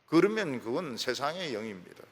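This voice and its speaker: A man preaching an afternoon church sermon. He swings between loud emphatic lines and soft, trailing phrase ends. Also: mid-range voice, very animated, normal speed. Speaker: pastor. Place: church sanctuary. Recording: reverberant church hall.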